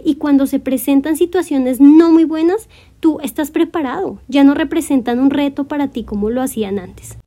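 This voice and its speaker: Speaking in a high voice, this twenty-something woman delivers a reflective solo podcast monologue. Her tone is gentle and encouraging, aimed directly at her listener.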